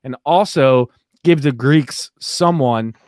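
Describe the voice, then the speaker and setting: A young man hosts a podcast in a mid-range voice, recapping a TV episode slowly and animatedly while acting out characters' lines in quoted voices. It's a casual review chat, recorded with studio quality and no room sound.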